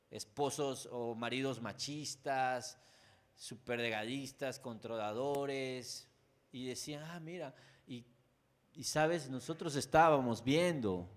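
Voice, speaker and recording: A male pastor with a Mexican accent preaches conversationally, speaking directly to the people in front of him and frequently stepping aside from his point. His delivery swings between loud, emphatic highs and quiet, low lines.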